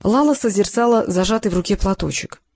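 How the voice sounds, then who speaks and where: An audiobook narrator reading a detective novel in an even, measured way. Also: mid-range voice, dry recording.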